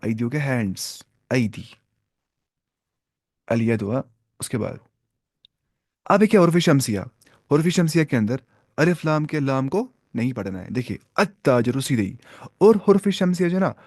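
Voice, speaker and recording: A man teaching a beginners' Arabic class, asking his students questions and repeating each word slowly. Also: mid-range voice, darkish tone, dry recording, clean studio sound. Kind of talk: classroom lesson.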